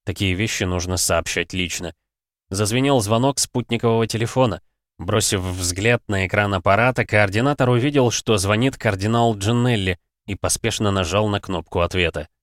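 Low-voiced man narrating an audiobook. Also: moderate pace, no echo, clean studio sound. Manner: steady dramatic storytelling.

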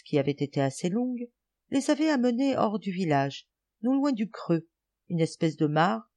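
Expressive woman reading a storybook. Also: lowish voice. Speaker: audiobook reader. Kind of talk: literary audiobook narration.

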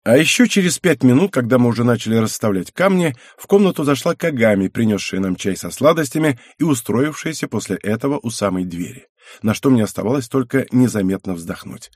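A man narrating an audiobook in the first person, expressive and wry. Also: medium pitch, fairly quick, no echo, clean studio sound.

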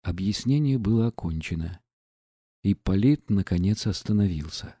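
Dark-voiced man narrating a novel. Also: sits low, breathy edge, no room sound, clean studio sound. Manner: measured, expressive reading. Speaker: audiobook narrator. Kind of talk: scripted literary narration.

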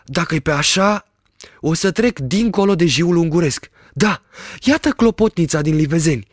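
A man voicing an awestruck, superstitious village shepherd in an audiobook reading, with a high, exclaiming voice. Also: lively intonation, no echo, studio quality. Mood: wondering.

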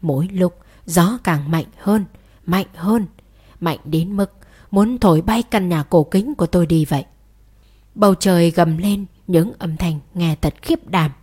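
A woman reading a first-person horror story aloud in a measured, suspenseful manner. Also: fairly low pitch, slightly rough. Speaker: narrator. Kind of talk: scripted horror story narration. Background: soft music.

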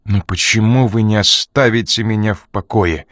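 A male narrator voicing a frightened, defiant young woman who breaks into shrill, tearful cries. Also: moderate pace, fairly bright tone, no room sound, studio quality, natural voice.

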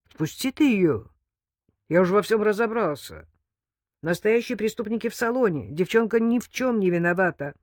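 A firm, insistent older man, voiced by a woman reader, urging calm in a steady voice. The recording is dry and close. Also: high-pitched, moderate pace, dry recording, pitched above the performer's own voice.

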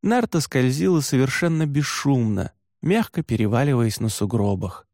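Lively expressive male audiobook narrator. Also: mid-range voice, normal speed, no echo, clean studio sound. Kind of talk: first-person audiobook narration.

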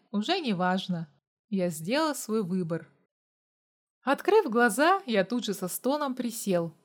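A woman reading a first-person audiobook story aloud in a dramatic, even-paced storytelling manner. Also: medium pitch. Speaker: audiobook reader.

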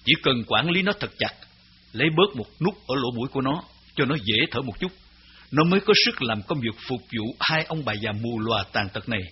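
A man's voice: mid-range voice, lively intonation, a little fast, breathy edge. Grave male memoir narrator. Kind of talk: memoir audiobook reading. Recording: slightly dull recording with faint music.

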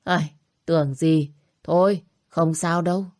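A woman's voice: deep voice, fairly even intonation, slow, darkish tone, no room sound, studio quality. A woman voicing a sleepy, dismissive young husband in a spoken story. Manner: grumbling, dismissive.

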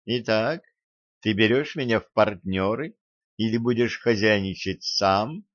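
Young woman in love, read by a man, hushed and soft, low, slow, dull lo-fi audiobook sound. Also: no echo, close to an everyday voice. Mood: tender.

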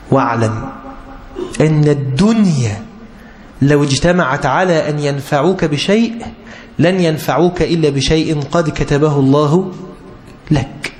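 A man preaching a sermon in an Egyptian Arabic accent, pleading with young listeners and rising to high, emphatic appeals.

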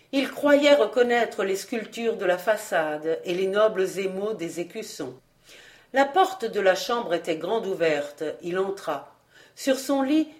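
A woman reading a classic novel aloud as an audiobook narrator, in a measured, even storytelling manner. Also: mid-range voice. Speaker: audiobook reader.

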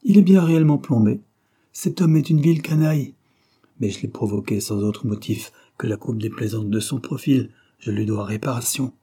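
A man voicing a big, brash young man who talks bluntly and provokes others with mocking calm. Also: lowish voice, moderate pace, few pauses, husky. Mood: cold.

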